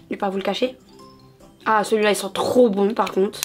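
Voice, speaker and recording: A woman's voice: mid-range voice, fairly even intonation, brisk, faint music behind. A woman in her thirties chatting in a bubbly way through a shopping haul video, talking straight to her viewers. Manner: bubbly, chatty, calls viewers "mes amours". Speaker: haul vlogger. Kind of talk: casual haul video chat.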